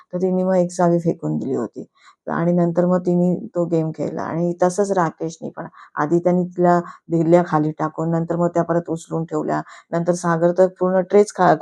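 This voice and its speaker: A woman's voice: on the low side, gravelly, warm tone. A woman giving a casual, chatty review on her YouTube channel, slipping English words into her talk.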